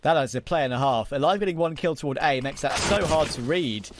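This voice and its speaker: Excitable male esports caster, gunfire behind. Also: on the high side, fast talker, slight background noise. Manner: excitable, emphatic delivery. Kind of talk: live esports play-by-play commentary. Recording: game gunfire and clicks throughout. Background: video game gunfire and clicks.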